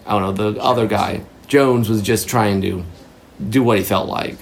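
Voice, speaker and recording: A man's voice: fairly low pitch, moderate pace, vocal fry, a little hiss or hum. Casual man co-hosting a chat. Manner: thinks aloud with fillers and restarts. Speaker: podcast co-host.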